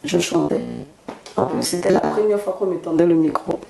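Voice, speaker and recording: A woman's voice: lowish voice, gravelly, reverberant, a crowd in the background. A singer, giving a solemn, devotional testimony in an interview at her home. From Côte d'Ivoire. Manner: slow, solemn, devotional phrasing. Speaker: gospel singer, interview guest.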